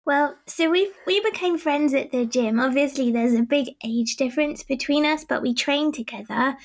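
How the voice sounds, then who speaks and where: A woman's voice: high-pitched, normal speed. A woman in her forties, a boxing club co-founder, giving earnest, reflective interview answers with light laughs. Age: 40s.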